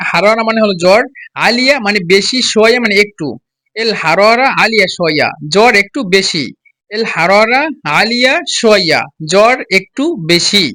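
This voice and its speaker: A man gives a language lesson in a high, bright voice. He repeats each phrase slowly and presses learners to say it exactly as he does. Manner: repeats each phrase slowly and urges listeners to copy his pronunciation. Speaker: Arabic teacher.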